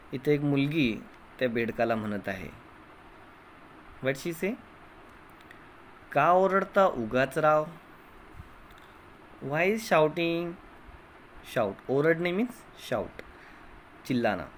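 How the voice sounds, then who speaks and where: A man teaching a children's poem, chanting each line and explaining it slowly, switching languages as he goes. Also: mid-range voice, a little hiss or hum. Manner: chants poem lines and repeats them. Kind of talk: online class lesson.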